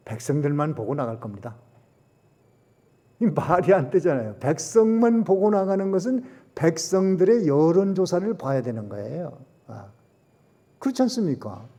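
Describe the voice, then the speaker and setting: A man preaches a Sunday sermon in a large church sanctuary, his voice mellow and dark. He presses the congregation with rhetorical questions, and his words ring out with a long hall reverb. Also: fairly high pitch. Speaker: pastor.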